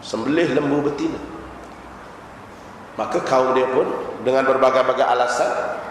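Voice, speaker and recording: A man's voice: medium pitch, fairly even intonation, moderate pace. A man with a Malaysian Malay accent giving a sermon as a religious teacher, telling stories and asking the audience rhetorical questions. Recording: very echoey hall recording, faint noise.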